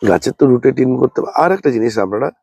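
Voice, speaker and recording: A man, unwell, giving a slow, plain, repetitive gardening demonstration as a channel host. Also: mid-range voice, lively intonation, darkish tone, breathy edge, no echo, studio quality. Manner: speaks slowly and plainly, repeating points.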